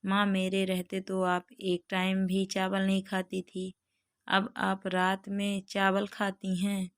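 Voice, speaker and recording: Storybook role: a gentle, firm daughter, read by a woman, slow, level delivery. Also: medium pitch, monotone, dry recording, clean studio sound, lightly acted. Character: caring grown daughter, calm and firm.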